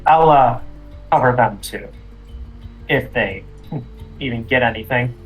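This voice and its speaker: Hesitant male tabletop player, average pitch. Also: a little slow, soft background music, rough recording. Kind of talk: casual, improvised role-play.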